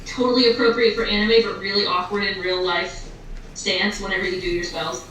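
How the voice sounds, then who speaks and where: A woman's voice: medium pitch, flat delivery, fairly quick, fairly bright tone, far from the mic, a little hiss or hum. A woman playing a tabletop game, chatting casually and describing what her character does. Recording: very echoey room, off mic.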